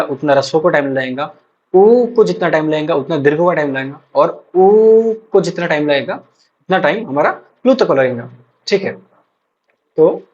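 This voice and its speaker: A young man, teaching an exam-prep lecture and repeating points slowly with frequent check-ins. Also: on the high side, slightly rough. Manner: explains slowly with many repetitions and check-ins. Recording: dull lo-fi recording.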